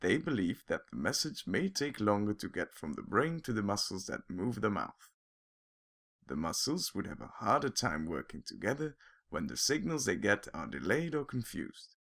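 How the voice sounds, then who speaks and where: A man giving calm, clear scripted narration for an animated explainer, explaining step by step. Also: lowish voice, moderate pace.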